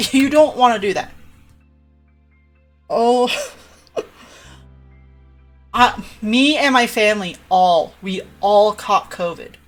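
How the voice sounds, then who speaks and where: A woman's voice: medium pitch, takes it slowly, pauses often, faint music behind. A young adult woman telling a rambling story on a live stream, often tagging "right?" and restarting sentences. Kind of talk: casual storytelling chat.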